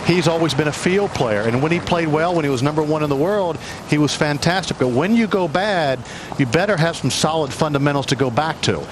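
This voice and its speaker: A man's voice: fairly high pitch, fairly quick. A man working as a golf commentator, giving live analysis of swings and shots. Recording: loud outdoor background noise. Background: loud outdoor noise.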